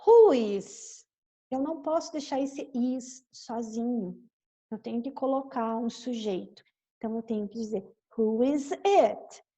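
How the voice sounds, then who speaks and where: A woman's voice: fairly high pitch, measured pace, dark tone. A woman from Brazil, explaining an English story line by line in a patient, repetitive teaching manner. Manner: patient, explanatory, repeats phrases. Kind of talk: bilingual story-reading lesson.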